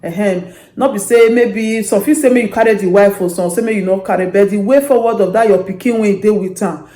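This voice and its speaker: A woman with a Nigerian accent speaking Pidgin as a host, giving casual, animated advice to her audience. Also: medium pitch, fairly quick. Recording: echoey, roomy sound.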